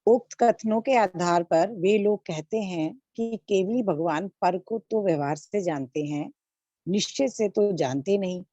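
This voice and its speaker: A woman student reading a passage aloud in class, carefully and a little haltingly. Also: on the low side, dark tone, dry recording, highs cut off.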